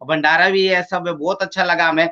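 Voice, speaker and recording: A man's voice: high voice, steady tone, fairly quick, sharp tone, highs cut off. A man enthusiastically telling of a group meditation, often repeating his phrases. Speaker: guest devotee. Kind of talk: spiritual testimony, casual.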